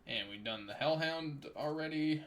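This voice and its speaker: A man's voice: a little high, moderate pace, fairly bright tone. A man streaming live, chatting casually and reading card text aloud, while his voice is starting to give out. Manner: reads card text aloud in a plain running commentary. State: losing his voice.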